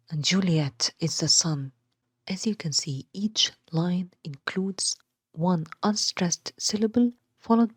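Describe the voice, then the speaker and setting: Egyptian woman teacher, lowish voice, dry close recording, methodical syllable-by-syllable explainer. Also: no echo. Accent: Egyptian Arabic. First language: Arabic. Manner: spells out stress patterns slowly, syllable by syllable. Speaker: literature teacher. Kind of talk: bilingual explanatory lesson.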